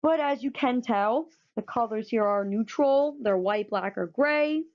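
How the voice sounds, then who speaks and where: Woman, slightly high voice, enthusiastic presenter, repeats words, dull lo-fi recording. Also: a little slow. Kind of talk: narrated photo presentation.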